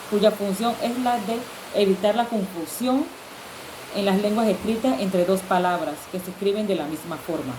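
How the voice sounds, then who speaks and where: A woman student reading a class presentation aloud at a steady pace. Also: medium pitch. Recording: hissy recording.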